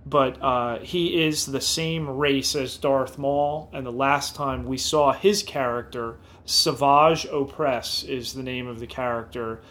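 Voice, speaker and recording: A man's voice: mid-range voice, steady tone, takes it slowly, few pauses, a bit bright. A man co-hosting a podcast who speaks in long, rambling, enthusiastic run-on sentences. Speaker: podcast co-host. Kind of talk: casual podcast discussion.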